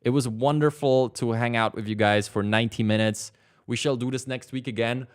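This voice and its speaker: Answering his chat during a casual livestream, a young man in his twenties rambles from his home studio desk, stuffing his speech with fillers and plenty of "like." The voice is medium-pitched, steady, and clean, at a slightly quick pace.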